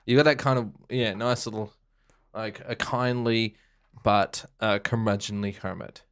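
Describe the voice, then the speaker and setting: Deadpan joking man. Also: lowish voice, a little slow, smooth. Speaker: podcast guest. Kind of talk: casual comedy chat.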